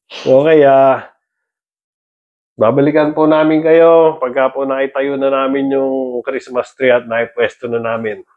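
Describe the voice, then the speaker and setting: A man's voice: mid-range voice, a little mellow, lo-fi sound. A middle-aged father filming a casual family vlog, playful and teasing, often laughing. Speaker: father and vlogger.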